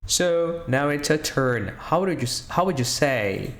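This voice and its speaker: A man teaching a language lesson, slowly repeating short phrases and quizzing the listener, with slightly non-native English phrasing. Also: a little high, expressive, roomy sound. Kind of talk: slow spoken language lesson.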